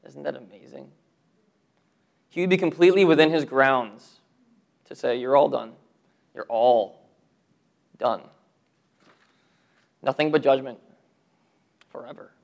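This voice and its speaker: Gravelly guy preaching, earnest pastor, goes quiet and low on the big points. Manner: earnest preaching with rhetorical questions, dropping low for emphasis. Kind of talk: sermon.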